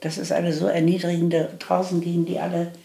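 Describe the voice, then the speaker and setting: An older woman tells her own story in an interview. Her voice carries a steady gravelly rasp. She speaks candidly, restarting sentences, then pushes her points home with emphasis. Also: on the low side, a little fast. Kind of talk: reflective life-story telling.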